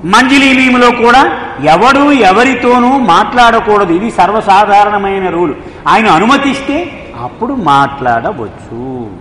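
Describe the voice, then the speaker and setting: A man telling devotional stories in an animated, lively way as a spiritual storyteller, recorded in an echoey hall. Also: high-pitched, measured pace, slight background noise. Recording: echoey hall with long reverb, faint ambience.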